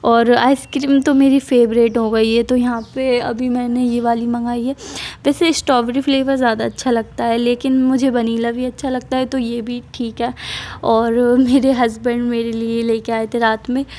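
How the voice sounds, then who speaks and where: A woman's voice: a little high, flat delivery, moderate pace, darkish tone. A young pregnant woman vlogging casually at home, rambling with many fillers while lying down and sounding tired. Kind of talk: casual vlog chat.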